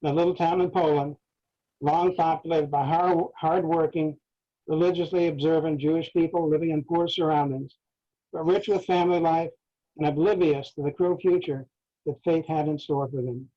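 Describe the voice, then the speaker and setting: A man, the author, reading aloud from his memoir in a measured way, with asides to listeners. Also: on the high side, steady tone. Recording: dull lo-fi recording.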